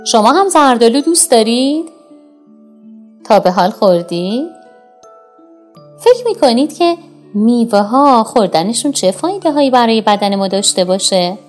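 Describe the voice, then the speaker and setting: Animated woman telling children a story. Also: fairly high pitch, pauses often, soft background music. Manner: warm, animated, addresses children directly.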